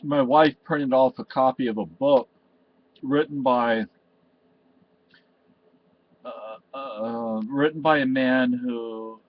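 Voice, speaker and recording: Slow and given to long pauses, an older man from Spain with a mid-range voice delivers a rambling personal monologue to his webcam at home. It's emotional and meandering, full of restarts and "you know." The cluttered indoor room is caught in slightly dull lo-fi webcam audio.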